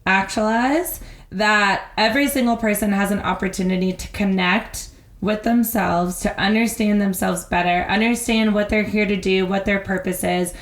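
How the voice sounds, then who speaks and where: A woman co-hosting a podcast in casual chat, talking in an animated way and acting out little scenes. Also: medium pitch. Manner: animated, acts out little scenes in quick voices. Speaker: podcast co-host. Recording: roomy echo.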